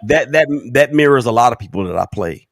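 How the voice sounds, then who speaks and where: A man's voice: medium pitch, lively intonation, a little fast, vocal fry, dry recording, clean studio sound. A man co-hosting a panel chat, teasing and playful. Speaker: co-host. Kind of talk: casual chat.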